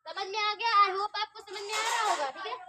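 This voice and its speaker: Her pitch is extremely high and her tone bright and forceful as this woman teaches grammar online at a fairly quick pace. Posing questions she then answers herself, she keeps checking whether students follow, repeating things and restarting words mid-explanation.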